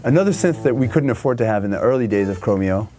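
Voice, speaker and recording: Talking quickly at a medium pitch, a thirtysomething musician leads a relaxed tour through his wood-panelled music studio. He rambles casually and gestures with his hands throughout.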